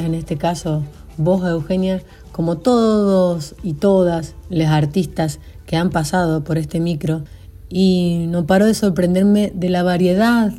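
A woman's voice: lowish voice, mellow. A woman hosting an interview, speaking with effusive admiration before asking her next question. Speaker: interview host. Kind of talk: interview host remarks.

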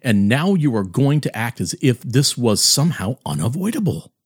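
A male host delivering indignant, accusing opinion commentary, slowing down to hammer his points. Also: medium pitch, sing-song, breathy edge. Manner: indignant, accusing, slows to punctuate.

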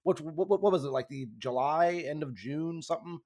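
A man's voice: on the high side, brisk, a little mellow. A man hosting a casual sports podcast, talking in a rambling, self-correcting way while losing his voice. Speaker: podcast host.

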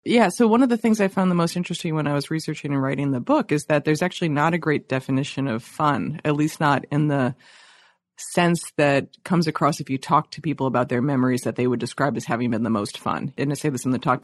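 A man speaking as an interview guest, a science journalist and author, telling stories in a lively, animated way and using "like" often. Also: mid-range voice, fast talker. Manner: animated storyteller, many "like" fillers. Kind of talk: casual interview conversation.

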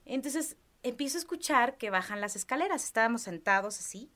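A young woman with a Mexican Spanish accent recounts a personal story in relaxed conversation. Her voice sits a little high, and she throws herself into it, acting out voices and screams as she goes. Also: brisk. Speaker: podcast guest. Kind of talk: casual storytelling chat.

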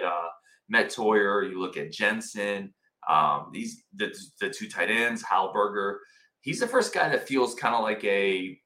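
A man's voice: on the low side, sharp tone. A man hosting a sports podcast from a cabin, talking casually and enthusiastically to his viewers. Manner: enthusiastic, informal. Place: indoors in a cabin. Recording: roomy indoor cabin echo.

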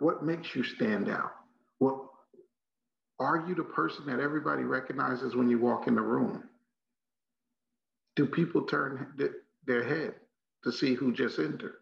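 A man's voice: medium pitch, measured pace, vocal fry, pauses often. A man with a Texas accent giving a motivational leadership training talk in an emphatic, folksy manner, repeating phrases for effect. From Texas, United States. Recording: muffled, echoey room recording.

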